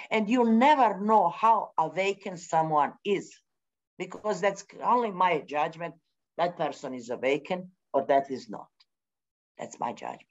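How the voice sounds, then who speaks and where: Woman, middle-aged, low voice, slow and halting English, spontaneous spiritual talk, dull lo-fi recording. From Bosnia. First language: Bosnian. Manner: halting, searching for words with many pauses; non-native English grammar. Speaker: forum speaker.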